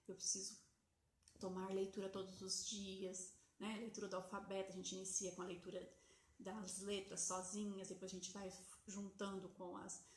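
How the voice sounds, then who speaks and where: A Brazilian woman teaching on a live stream, explaining to parents step by step and checking in often with little tag questions. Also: medium pitch. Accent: Brazilian Portuguese. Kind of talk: casual teaching talk to parents. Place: home, streaming from a phone. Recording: echoey room.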